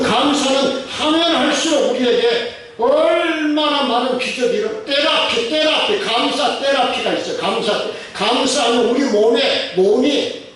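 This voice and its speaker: A man's voice: very high voice, a bit bright. A middle-aged male pastor preaching a sermon, putting many questions to the congregation and repeating his phrases. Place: church sanctuary. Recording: very echoey church hall from far off.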